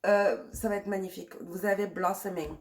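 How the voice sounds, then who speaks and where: A woman's voice: medium pitch, steady tone, moderate pace, a little hiss or hum. A woman giving a pick-a-card tarot reading while fighting a cold and a sore throat. She speaks straight to the viewer, reassuring and repetitive, and slips English words into her talk. The voice is close to the mic. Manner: reassuring, repeats herself, mixes in English words. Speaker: tarot reader.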